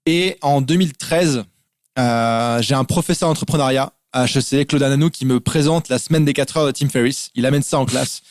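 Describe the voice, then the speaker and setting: In a brisk, mid-range voice, a French man guesting on a casual call interview lays out his explanations as lists, peppered with fillers. The recording is dry and of studio quality.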